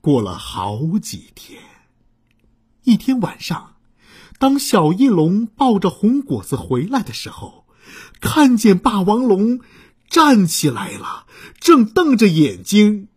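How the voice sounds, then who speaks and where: A woman reading a children's story aloud, expressive and acting out the sound effects. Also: mid-range voice, slow, slightly rough.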